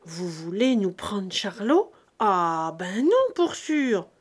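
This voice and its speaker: A woman's voice: medium pitch, big pitch swings, slow, breathy edge, exaggerated voice. Woman doing a furious peasant mother. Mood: refusing. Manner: shouting, rustic speech. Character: indignant peasant farmwife, fierce mother.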